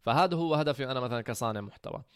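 A man hosting a casual chat, quick and animated, acting out quotes as he talks. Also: medium pitch, smooth, dry recording, clean studio sound. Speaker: content creator hosting a conversation.

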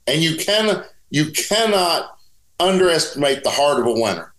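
A man's voice: a little high, very animated, normal speed, a bit bright. A man co-hosting a sports show, giving casual commentary and repeating phrases emphatically to drive his points home. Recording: roomy, echoing sound.

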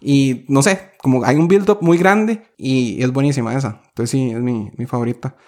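A man's voice: medium pitch, normal speed. A young man with a Costa Rican accent chatting casually and animatedly, laughing often. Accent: Costa Rican Spanish. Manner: animated, laughs often, quotes lyrics in English. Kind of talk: casual chat about a musical.

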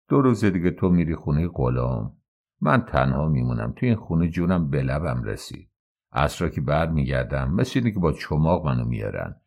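Man voicing a bitter gravelly young man. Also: very deep voice, highs cut off, pitched below the performer's own voice, heavily acted. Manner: brooding, bitter complaints. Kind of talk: audiobook character reading.

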